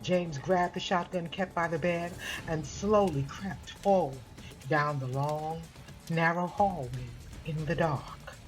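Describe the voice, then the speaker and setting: A woman narrating a scripted horror story as a podcast host, in a slow, deliberate, dramatic manner. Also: low voice, faint music behind.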